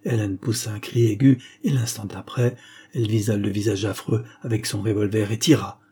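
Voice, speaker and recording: A man narrating an audiobook in a measured, dramatic reading. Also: fairly low pitch, steady tone, warm tone, breathy edge. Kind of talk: scripted narration.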